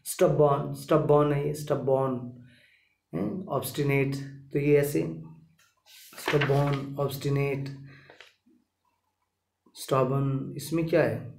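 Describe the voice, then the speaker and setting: A man's voice: medium pitch, steady tone, a little slow, vocal fry, long pauses, a little mellow, a little hiss or hum. Guy teaching vocab in an echoey room, keeps repeating words over and over. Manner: repetitive, drilling each word with "ठीक है". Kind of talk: classroom vocabulary lesson.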